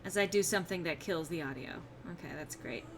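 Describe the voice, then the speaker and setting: Streaming gameplay casually, this woman talks fast in a fairly low voice, rambling with self-mocking humor. There's background noise, and she comes across as subdued and slightly unwell.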